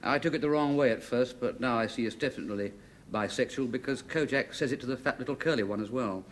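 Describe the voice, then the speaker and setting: An actor playing a cheerful, excitable husband, chatty and quickly flustered, in 1970s sitcom style. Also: male voice, medium pitch, a little hiss or hum, close to an everyday voice. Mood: relaxed.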